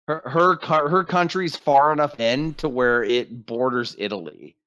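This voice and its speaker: A man's voice: mid-range voice, measured pace, a bit bright, no room sound, lo-fi sound. A man hosting a casual online podcast, rambling and stammering over his words, talking over a voice call. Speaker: podcast host. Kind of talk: casual livestream chat.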